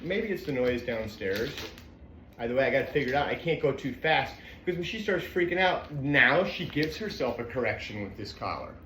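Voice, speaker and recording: A man working as a dog trainer, calmly explaining a training session to viewers between soft coaxing praise for the dog. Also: medium pitch, a little fast, echoey room, slight background noise. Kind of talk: narrating a training session to camera. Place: indoor room with a dog.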